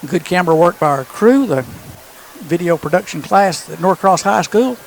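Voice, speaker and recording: A man's voice: sits high, lively intonation, normal speed, creaky, slight background noise, rough recording. A man doing live football play-by-play as a partisan home-team announcer.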